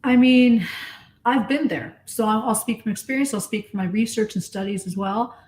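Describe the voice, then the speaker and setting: A woman's voice: on the high side, normal speed, darkish tone, a little hiss or hum. A woman coach in a casual discussion, talking in an earnest, explanatory and emphatic way. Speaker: coach and guest.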